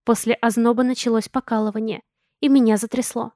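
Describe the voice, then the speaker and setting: Female audiobook reader, fairly high voice. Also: flat delivery, a little fast, mellow, dry recording, studio quality. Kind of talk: first-person audiobook narration.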